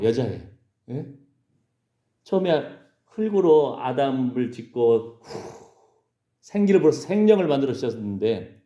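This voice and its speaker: Man, pastor, conversational sermon, fairly high voice, echoey sanctuary. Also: mellow. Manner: conversational preaching, prompting the congregation with "예?". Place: church sanctuary.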